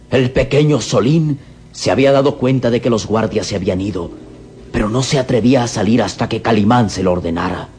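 A man narrating a dramatic radio serial in a theatrical, suspenseful manner with deliberate pauses. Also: lowish voice, a little mellow. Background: dramatic music.

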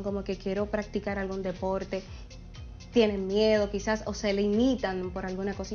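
A woman hosting a broadcast interview, upbeat and quick to laugh. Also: mid-range voice, a little mellow, lo-fi sound. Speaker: host.

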